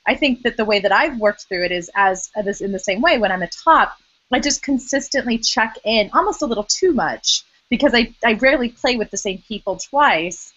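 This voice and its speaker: A woman's voice: on the high side, lively intonation, a little fast, a bit bright, no room sound. A woman hosting an interview, chatting thoughtfully with a light laugh now and then. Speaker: host. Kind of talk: conversational interview. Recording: dry, dull lo-fi audio.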